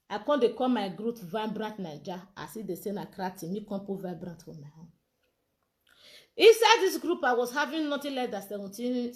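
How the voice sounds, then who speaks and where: A Nigerian woman with a high-pitched voice speaks in a live social media monologue. She sounds heated and insistent, and she keeps demanding to be heard. She comes across as a campaign organizer speaking her mind.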